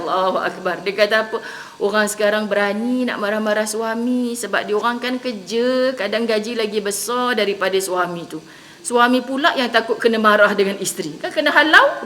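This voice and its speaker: A woman's voice: mid-range voice, moderate pace. A middle-aged woman with a Malaysian accent, preaching a sermon to women and acting out the people in her stories. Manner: animated storytelling, acts out quoted people. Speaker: religious teacher.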